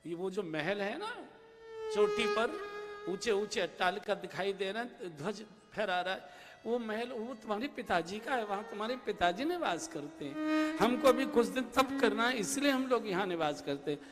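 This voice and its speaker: A man's voice: high voice, expressive, normal speed. A man voicing a tender, anxious mother. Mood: consoling. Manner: tender, pleading, consoling. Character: grieving devoted mother, gentle and anxious. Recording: reverberant hall with instrumental music.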